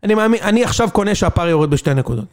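A man with a notably high voice co-hosts a casual sports chat. He jokes, rambles through fillers and laughs often as he riffs with his co-hosts. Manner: animated, joking, laughs often. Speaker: podcast co-host.

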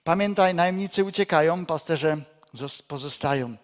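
A man preaching a sermon as a pastor, slow and deliberate, repeating key phrases and dropping to a quiet, low voice for emphasis, with touches of folksy storytelling.

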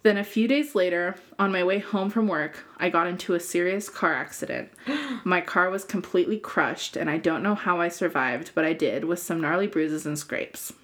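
A woman's voice: on the low side, moderate pace. A woman co-hosting a podcast, reading out listeners' scary stories and chatting casually.

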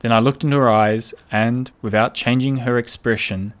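A man narrating an audiobook in a measured, storytelling manner. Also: mid-range voice, steady tone. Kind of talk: scripted narration. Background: faint piano music.

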